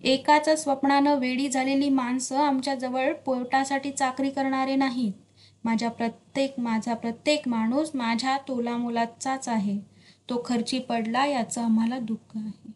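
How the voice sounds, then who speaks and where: A proud warrior king of legend speaks in firm, dignified commands, as a woman reader gives him voice. The voice sits a little high and carries steady authority. It is a storybook reading, not a full performance. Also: normal speed. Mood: grieving.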